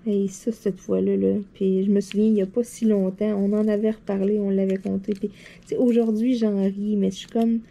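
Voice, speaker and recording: A woman with a Québécois French accent, seated at her desk, telling anecdotes to her viewers in a chatty, animated way, full of fillers and laughter. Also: medium pitch, fairly quick, vocal fry. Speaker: vlogger. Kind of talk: casual anecdote storytelling to viewers.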